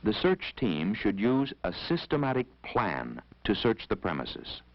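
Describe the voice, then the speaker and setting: Narrating an instructional film against a vintage 1970s soundtrack, an American man speaks formally, with measured authority and huge pitch swings. His voice sits on the low side, and the echo-free recording has its highs cut off.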